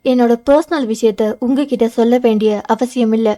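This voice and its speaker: A woman's voice: on the high side, steady tone, normal speed, mellow, close to an everyday voice. A woman voicing a guarded young woman in an audio novel, speaking tightly and insistently. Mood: curt. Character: young woman, guarded, pained hostel student. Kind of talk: audio novel character reading.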